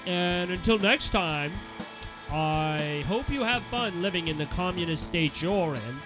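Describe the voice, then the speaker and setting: Slow-talking sardonic New man. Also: high voice, expressive, over music. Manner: rambling, sardonic, jokey asides. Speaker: podcast host. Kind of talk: casual solo podcast monologue. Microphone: headphones with a studio mic.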